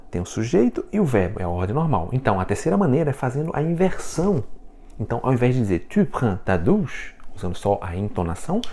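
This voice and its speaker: Lively, joking Brazilian man teaching. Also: fairly low pitch. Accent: Brazilian Portuguese. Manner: jokey, laughs at his own puns; chatty, checks in with "né?" and "tá?". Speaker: French teacher. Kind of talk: casual video lesson.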